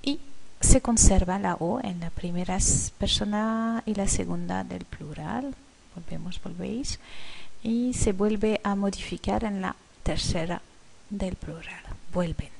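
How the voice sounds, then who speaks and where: Slow, deliberate female grammar teacher. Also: medium pitch, vocal fry, darkish tone. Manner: slow and deliberate, with hesitant fillers. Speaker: language teacher. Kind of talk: explaining grammar lesson.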